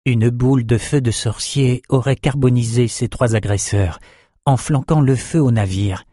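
A man narrating a fantasy audiobook in a steady, measured reading style. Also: mid-range voice, slightly rough, dry recording, studio quality.

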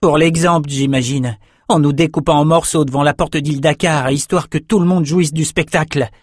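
A man's voice: a little high, steady tone, moderate pace, no room sound, studio quality, voice pushed up, natural voice. A man doing a gloomy, fearful young prisoner. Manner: gloomy, anxious. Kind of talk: audiobook character reading.

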